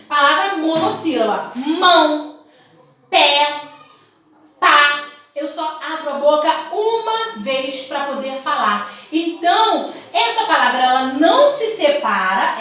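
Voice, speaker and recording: Brief: woman teacher, high bright voice, for small children, recorded a little off-mic in a very echoey room. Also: distant mic. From Brazil. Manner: sing-song teacherly tone, stretches words slowly syllable by syllable. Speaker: primary school teacher. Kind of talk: recorded remote lesson for young children.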